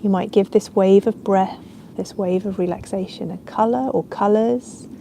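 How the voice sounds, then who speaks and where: A yoga nidra teacher guides a relaxation session, her medium-pitched voice soothing, unhurried and gentle. Her tone stays steady with some vocal fry, and ambient sound plus slight background noise sit behind her.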